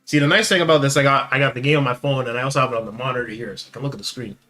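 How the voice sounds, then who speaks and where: A young man giving live commentary on his card game, muttering one moment and yelling taunts the next, repeating his hype lines. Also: mid-range voice, rapid-fire, faint music behind. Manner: hype, repeats taunting phrases, swings from quiet muttering to shouting. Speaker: gaming channel host. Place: home gaming setup with monitor.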